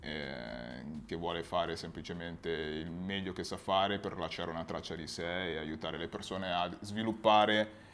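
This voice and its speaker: A man, a music producer, talking casually in an interview in a halting, self-correcting way. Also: low-pitched, fairly even intonation, gravelly, fairly bright tone.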